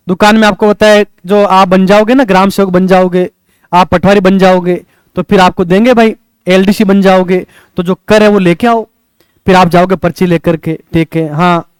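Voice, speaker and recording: A man's voice: sits high, smooth, no room sound. A male coaching teacher, lecturing a class and checking in with rhetorical questions as he teaches memory tricks.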